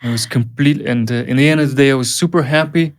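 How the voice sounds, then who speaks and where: A man, a film director telling stories in a casual interview, full of fillers and restarts. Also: medium pitch. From Uyghur region, Central Asia. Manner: halting, many fillers and restarts.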